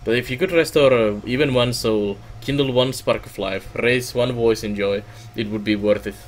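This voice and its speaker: A middle-aged man doing a let's play, reading game text aloud haltingly with casual commentary. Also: mid-range voice, slight background noise. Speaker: gaming let's player.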